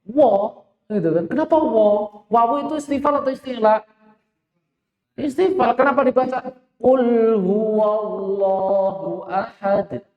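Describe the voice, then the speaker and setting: High-voiced man teaching Quran recitation. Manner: explains rules, then chants verses slowly and drawn out; laughs while telling an anecdote. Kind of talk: tajweed lesson with recitation. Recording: echoey hall, dull lo-fi sound.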